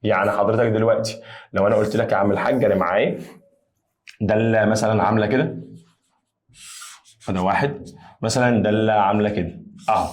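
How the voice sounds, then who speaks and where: A man with an Egyptian accent teaching a lively maths lesson, chatty and emphatic, repeating phrases and calling students "ya basha". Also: lowish voice, fast talker, long pauses. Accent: Egyptian Arabic. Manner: repetitive, emphatic. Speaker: math teacher. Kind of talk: energetic whiteboard lesson.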